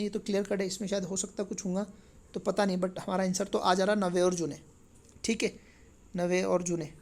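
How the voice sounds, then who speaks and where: This is a chatty male teacher whose voice sits high, guiding students through an exam paper. Marathi is his first language, and his style is conversational, checking in regularly with tag questions.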